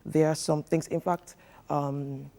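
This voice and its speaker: A man's voice: on the high side, level tone, slow, vocal fry, dark tone. A man, a relationship coach giving earnest, instructive advice in a TV studio interview, with many fillers.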